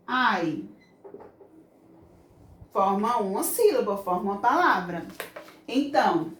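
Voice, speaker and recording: Slow, patient Brazilian woman teacher. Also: high voice. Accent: Brazilian Portuguese. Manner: slow, patient explaining, voices children's questions. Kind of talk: children's grammar lesson. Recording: echoey room, mic far off.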